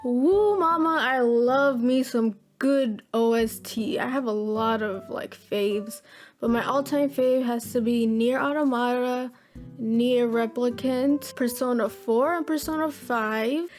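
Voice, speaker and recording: A young woman in her twenties with a fairly high voice, talking to her viewers in a relaxed Q&A vlog. She is chatty, upbeat and full of slang. Soft music plays faintly behind her. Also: slow. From Florida, USA. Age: 20s. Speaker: gaming YouTuber. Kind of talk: casual Q&A vlog. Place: at home at her computer.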